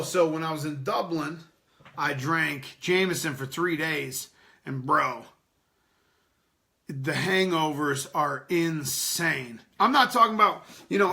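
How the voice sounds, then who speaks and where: Bright-voiced rambling podcast host, a man. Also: a little high, gravelly. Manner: loose, rambling and profane, laughing often. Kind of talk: unscripted casual chat with live chat readers.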